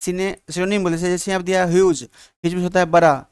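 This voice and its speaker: High-voiced man teaching vocabulary. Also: little pitch movement, darkish tone, clean tone, dry recording, clean studio sound. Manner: asks the class questions and answers them himself, repeating terms; reads English definitions slowly and word by word. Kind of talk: exam-prep vocabulary lecture.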